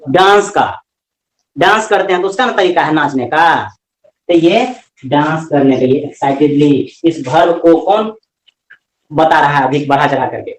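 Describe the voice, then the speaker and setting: A man with a Hindi accent teaching English grammar in a classroom lecture, lively and often asking questions that he then answers himself. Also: fairly high pitch, measured pace, echoey room, low-quality recording.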